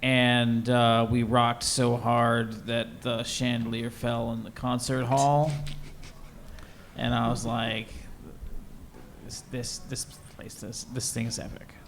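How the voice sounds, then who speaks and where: Slow-talking man from Virginia. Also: medium pitch, level tone, a little hiss or hum. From Virginia, USA. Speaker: panelist.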